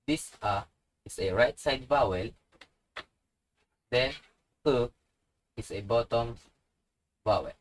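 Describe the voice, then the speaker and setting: Man, language tutorial, very slow pace, average pitch, patient repetition. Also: rough recording. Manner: patient, repeats each example word slowly. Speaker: language teacher.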